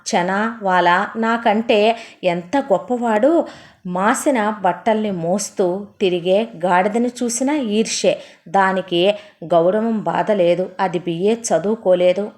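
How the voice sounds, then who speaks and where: A woman's voice: medium pitch, a little mellow. A woman narrating a story as a bitter, impassioned first-person monologue.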